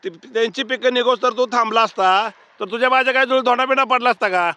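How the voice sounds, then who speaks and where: A man's voice: very high voice, quick pace, bright, forceful tone, smooth. A man in a comic phone call sketch, scolding and mocking in a lecturing tone.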